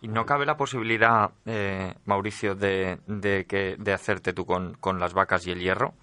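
Bright-voiced male co-host. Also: low voice, fairly even intonation, normal speed, clean tone. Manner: agreeing, frequent backchannel. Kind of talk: radio interview chat.

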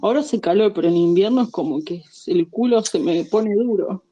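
A woman with an Argentine accent trades crude jokes as a podcast co-host. Her tone is dark and mellow. The recording sounds dull and lo-fi. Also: medium pitch, a little fast. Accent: Argentine Spanish. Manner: brash, joking, crude. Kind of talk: joking casual chat.

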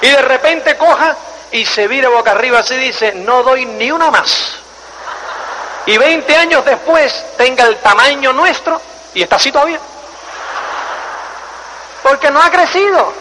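A man giving a lively motivational talk to an audience, acting out little scenes and repeating lines for emphasis, asking the listeners questions. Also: very high voice, moderate pace, pauses often. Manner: animated storytelling, acts out scenes and voices. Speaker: motivational speaker. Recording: long hall reverb, faint noise.

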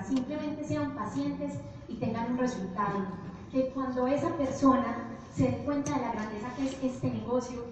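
A high-voiced woman, a business presenter, gives a motivational presentation, telling stories animatedly to an audience. She sounds distant and dull in an echoey hall, with a little hiss or hum in the recording.

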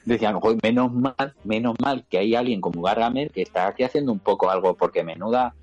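Low-voiced Spanish man, muffled sound. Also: fast, a little mellow, dry recording. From Murcia, Spain; raised in Madrid. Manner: rambling, repeats words, swears casually. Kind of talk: casual chat.

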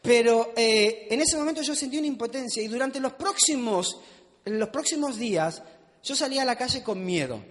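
Preacher, man, very high voice, chatty sermon with jokes at his own expense, hall reverb. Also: animated, normal speed. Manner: conversational, asks the audience questions; self-mocking humor.

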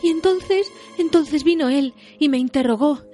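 A woman's voice: a little high, moderate pace, soft background music, pitched above the performer's own voice, lightly acted. A woman voicing a frightened young hobbit who stammers and pleads, in a storybook reading. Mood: frightened pleading.

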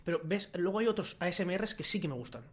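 A man co-hosting a podcast in casual chat. He talks in an animated way and mimics other people's voices. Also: high voice, quick pace, husky. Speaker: podcast co-host.

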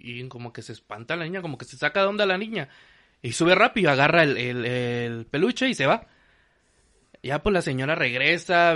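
A man's voice: on the high side, fairly bright tone. A man retelling a horror film casually, rambling with lots of fillers and restarts. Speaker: film recap host.

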